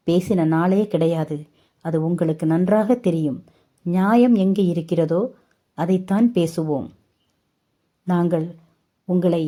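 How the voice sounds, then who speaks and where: A kind younger sister-in-law pleading earnestly for a child, as a woman storyteller voices her. The tone is mellow and low, and she speaks slowly and gently.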